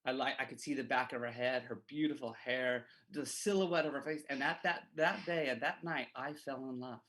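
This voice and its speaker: Man, devotional storyteller, self-mocking humor, animated delivery, livestream talk. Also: mid-range voice, normal speed. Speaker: devotional speaker.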